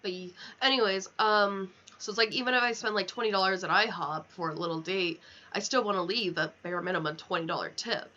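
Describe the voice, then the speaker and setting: In brisk, bright, forceful speech at mid pitch, a young American woman chats unfiltered on a gaming livestream, swearing a lot as she rambles. Her mic is dull and lo-fi, and background noise comes through clearly.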